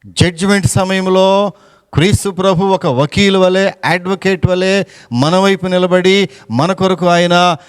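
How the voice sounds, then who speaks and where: A man's voice: high voice, steady tone, unhurried, clean tone. Impassioned preaching man in a reverberant church. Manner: impassioned preaching, repeating phrases, mixing in English words. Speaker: pastor. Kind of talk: sermon. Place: church sanctuary.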